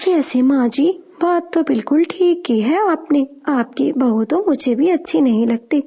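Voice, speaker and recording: Cartoon crow girl played by a woman, sly, flattering, high, gravelly. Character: young female crow, sly schemer.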